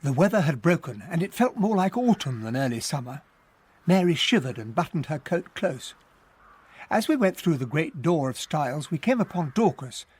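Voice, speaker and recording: An actor playing an earnest, well-bred English army captain who narrates and talks in a radio drama, with an English accent. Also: male voice, on the high side, very animated, normal speed, darkish tone, slightly rough. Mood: reflective narration. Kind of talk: radio drama acting and first-person narration.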